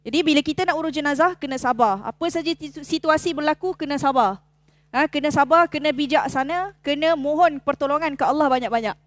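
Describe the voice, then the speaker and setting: A middle-aged woman with a Malaysian Malay accent teaches a class, her high voice recorded close and dry with almost no room sound. She tells stories in an animated way and acts out the other people's voices as she goes. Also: quick pace, no echo. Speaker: religious teacher leading a funeral-rites course. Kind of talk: storytelling lecture to a class. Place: mosque.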